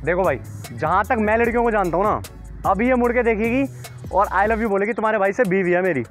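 A young man hosting a street prank, talking in loud, teasing and playful banter outdoors. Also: high voice, quick pace, soft background music. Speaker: prankster host. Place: outdoors in a park.

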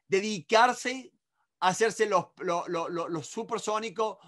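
Male negotiation instructor with a Rioplatense accent, raised pitch, direct and emphatic lecture delivery. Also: fairly bright tone. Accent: Rioplatense Spanish. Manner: emphatic and repetitive, addresses the audience directly; acts out others in quoted asides. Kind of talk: recorded masterclass lecture.

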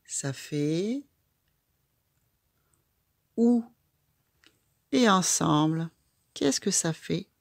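A woman teaching a young child to read, sounding out syllables slowly and patiently. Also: on the low side, lively intonation, vocal fry. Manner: slow, patient, spells out sounds one by one. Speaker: reading teacher. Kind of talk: slow phonics lesson for a young child.

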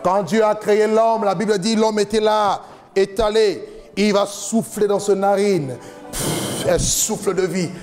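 A man in his forties preaching an impassioned sermon from a church stage into a handheld mic, often shouting in a chanting cadence. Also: high voice, steady tone, a little slow, faint music behind. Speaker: pastor. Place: large church hall with a stage, indoors.

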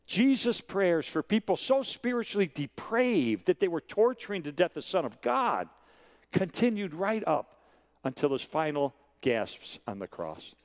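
A man in his late sixties delivers a sermon in a lively, swooping voice that sits a little high for a man. He tells his stories with drive and hammers points home by repeating phrases. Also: a little slow. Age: 60s. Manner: animated storytelling with emphatic repetition. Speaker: guest preacher.

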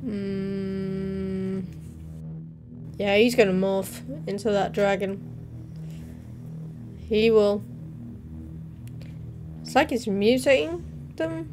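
Speaking extremely slowly with long pauses, a young adult woman hosts a reaction video from a small room at home, reading captions aloud and tossing in casual remarks between them. Her medium-pitched voice is a little mellow, with faint music and noticeable background noise in the recording.

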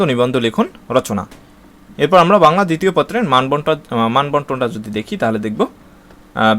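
A Bangladeshi-accented man talks students through an exam syllabus at an average pitch. He moves item by item through long lists and fills the gaps with "uh" while he restarts words. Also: fairly bright tone. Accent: Bangladeshi Bengali. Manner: reads out lists steadily, with frequent "uh" fillers and restarts. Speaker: teacher explaining an exam syllabus. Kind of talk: spoken lesson to students.

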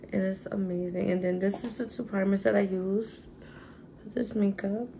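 Tipsy, creaky-voiced young woman. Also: mid-range voice, steady tone, moderate pace, warm tone, slight background noise, poor audio. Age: young adult. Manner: rambling, sassy, profane. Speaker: beauty vlogger. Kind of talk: casual makeup tutorial chat.

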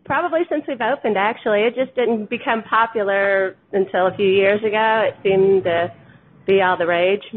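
A woman's voice: mid-range voice, moderate pace. Brief, matter-of-fact woman bartender. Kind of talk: casual interview answers. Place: bar in a restaurant. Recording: tinny phone-like sound, faint hiss.

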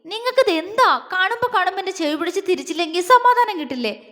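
A woman's voice: sits high, animated, a little fast, bright, forceful tone. A woman voicing a bold, pushy young woman. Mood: defiant. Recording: long echoey reverb.

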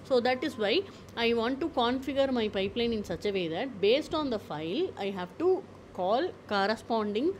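A woman presenting a screen-recorded software tutorial, explaining step by step with frequent fillers and repeated "okay"s. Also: mid-range voice, a little hiss or hum, rough recording.

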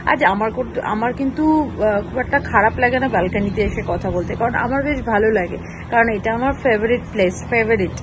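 A woman's voice: a little high, fairly quick, background noise. A middle-aged Bengali woman from India, chatting casually to her viewers in a home vlog while doing chores. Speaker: vlogger. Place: home, balcony and kitchen, after a walk.

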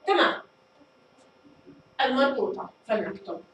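Woman schoolteacher, high pitch, patient, drawn-out explaining. Recorded far off in a very reverberant room with light background noise. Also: animated. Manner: slow, deliberate explaining, repeats and stretches words; addresses pupils warmly, praises them. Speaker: fifth-grade Arabic teacher. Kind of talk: recorded classroom lesson. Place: echoey school studio room. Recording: very echoey room, voice far from mic, faint noise.

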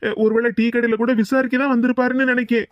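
A woman's voice: a little high, level tone, fast talker, no room sound, lo-fi sound, lightly acted. A woman voicing a nervous young man hiding from a feared uncle, speaking hesitantly with a Tirunelveli accent in a cartoon. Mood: anxious. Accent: Tirunelveli Tamil. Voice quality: hesitant, many fillers.

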